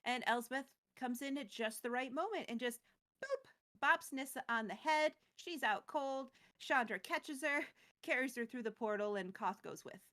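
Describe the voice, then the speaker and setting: In a high, slightly bright voice with lively intonation, a woman at normal speed retells a fantasy card game story with her co-host. She's playful throughout, acting out quotes and sound words.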